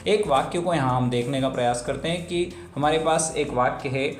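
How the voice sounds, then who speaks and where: Man teaching a grammar lesson, roomy echo. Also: mid-range voice. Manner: slow, explanatory, repeats phrases for emphasis. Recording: roomy echo with faint music.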